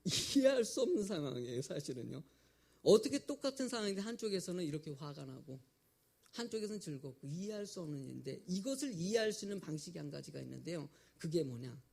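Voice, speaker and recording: A male pastor delivers an animated sermon and puts questions to his congregation. His voice sits high for a man and swings widely in pitch. There is a gravelly edge to it. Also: quick pace.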